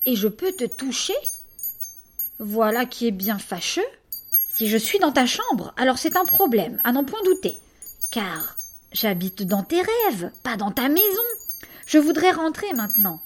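Woman doing a stern hairy green dream monster, scolding, serious tone, storybook voice, lively pitch. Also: measured pace. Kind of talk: storybook reading.

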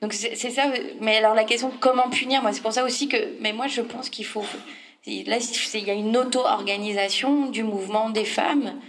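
Woman panelist, slightly high voice, emphatic and explanatory, speaking off the cuff in political debate. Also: fairly even intonation, moderate pace. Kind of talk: unscripted political discussion.

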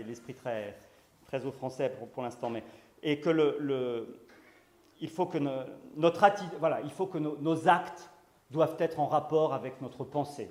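Here a male lecturer with a medium-pitched, slightly mellow voice speaks at a conference in a hall with an echoey sound. His delivery is halting, full of fillers and false starts, yet he stresses important words forcefully, his voice lifting on them.

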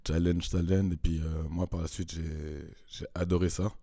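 A man's voice: sits low, level tone, moderate pace, dark tone, no room sound, clean studio sound. A man in his thirties, a dancer and choreographer, chatting casually as an interview guest with easy laughs and hesitant fillers. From Congo, raised in Switzerland.

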